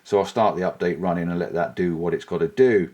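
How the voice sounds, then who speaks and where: A low-pitched, slightly mellow male voice speaks quickly as this vlogger casually reviews and tests gear, voicing his thoughts as he goes. The setting shifts from cycling outdoors to being indoors.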